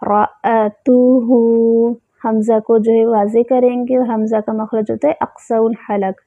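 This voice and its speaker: A woman teaching Quran recitation rules, who recites words slowly and drawn out and then explains them plainly. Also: fairly high pitch, level tone, no echo. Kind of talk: tajweed lesson. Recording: tinny phone-like sound, dry.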